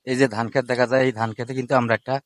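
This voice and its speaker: A man's voice: mid-range voice, level tone, rapid-fire, dry recording. A man with a Rangpur Bengali accent, chatting to viewers in a repetitive, casual way while out in a rice paddy. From Rangpur, Bangladesh. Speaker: vlogger. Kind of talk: casual outdoor video blog.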